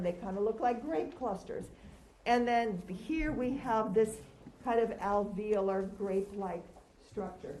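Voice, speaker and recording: Wearing a face mask that slightly muffles her, a woman with a somewhat high, dark voice lectures on anatomy and histology in a conversational way, posing questions to the class and answering them herself. The audio comes from a roomy, echoing lecture room with background noise.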